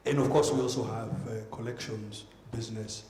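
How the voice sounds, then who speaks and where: A man's voice: on the low side, steady tone, brisk, a little mellow. An economist, a man, introducing himself on a conference panel in a businesslike way. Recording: echoey hall, faint noise.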